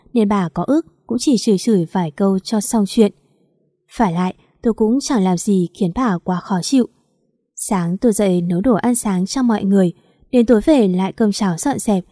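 A mellow woman reading a story aloud. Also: mid-range voice, no echo, clean studio sound. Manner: wry, confiding storytelling. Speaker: story narrator. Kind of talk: first-person audiobook narration.

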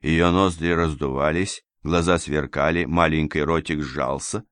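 Deep-voiced male audiobook narrator. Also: fairly even intonation, measured pace, fairly bright tone, dry recording, clean studio sound.

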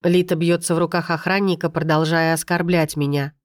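A woman reading a first-person novel aloud in a steady storytelling manner. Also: on the low side, fairly quick, dry recording, studio quality. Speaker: audiobook narrator.

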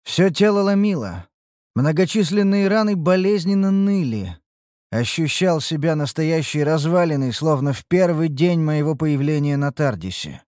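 A man's voice: normal speed, dry recording, clean studio sound. A man reading a fantasy novel aloud as scripted narration, shifting his voice for the characters' lines. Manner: expressive, shifts pitch for dialogue. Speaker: audiobook narrator.

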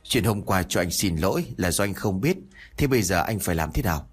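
A blunt young villager snaps at two boys in a husky voice, as a man puts him on. His speech is lively and quick, in a told ghost story. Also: low-pitched, faint music behind. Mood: gruff. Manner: blunt, threatening then sorry.

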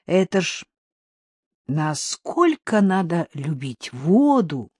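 A narrator reading an audiobook aloud in a lively, expressive way, telling it in the first person. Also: mid-range voice, takes it slowly, slightly rough, no echo, clean studio sound.

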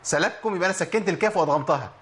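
A man with an Egyptian accent teaching Quran recitation in a lively lesson, quizzing listeners and slowly sounding out letters. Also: high voice. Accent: Egyptian Arabic. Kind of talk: spoken tajweed lesson.

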